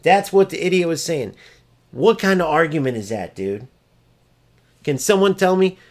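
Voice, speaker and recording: A man's voice: on the high side, animated, moderate pace. A man ranting over gameplay footage, exasperated, profane and mocking as he vents about an opponent. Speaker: gaming streamer.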